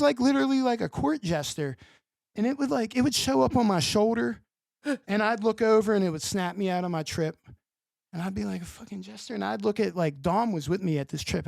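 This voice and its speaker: A man's voice: high-pitched, gravelly, a little mellow, no echo. A man from Pittsburgh with a local accent, telling a story casually and profanely as a podcast guest, acting out voices.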